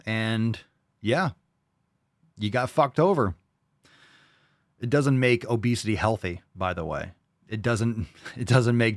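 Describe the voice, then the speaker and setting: A man's voice: fairly low pitch, no room sound. Smug, sarcastic man, close dry sound. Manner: blunt, profane. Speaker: host of a reaction commentary. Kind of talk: off-the-cuff reaction commentary.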